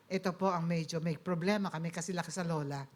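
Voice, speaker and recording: A woman's voice: fairly low pitch, fairly even intonation, fast. A middle-aged woman from the Philippines with a Filipino accent, giving a personal testimony sermon and politely addressing her audience as she mixes in English.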